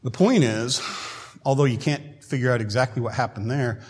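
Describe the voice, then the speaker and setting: A man preaching a sermon in a conversational way who often clears his throat, in a church hall. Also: medium pitch, normal speed, a little hiss or hum. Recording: long hall reverb.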